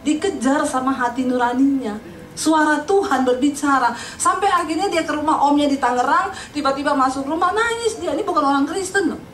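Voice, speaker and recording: High-voiced woman preaching in an echoey hall. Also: a little fast. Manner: lively, chatty preaching with asides to the congregation. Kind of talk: sermon. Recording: roomy echo, recorded from a distance.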